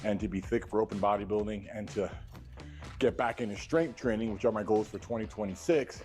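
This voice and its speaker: A man's voice: fairly low pitch, a little fast, a little mellow, faint music behind. A man narrating a bodybuilding vlog in a matter-of-fact way, with his audio heard in the left ear only. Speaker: bodybuilding vlogger. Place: played from a video inside a livestream.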